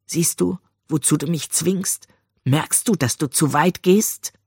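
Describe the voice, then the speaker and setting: A reader voicing a controlling young husband who lectures his wife in a low, threatening tone. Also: slow pace, a little mellow, husky, dry recording, studio quality. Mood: shaken. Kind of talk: audiobook reading.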